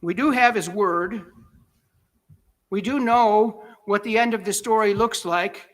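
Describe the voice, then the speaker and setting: A man preaching in a relaxed, talk-with-the-congregation way, chuckling now and then and correcting himself. His voice sits high for a man and rings bright and forceful. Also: measured pace. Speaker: pastor. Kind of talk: sermon.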